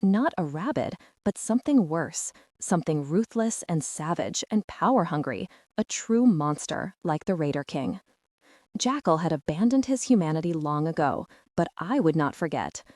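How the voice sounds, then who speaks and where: A woman's voice: deep voice, expressive, moderate pace, darkish tone, dry recording, clean studio sound. A woman narrating an audiobook with tense, dramatic storytelling.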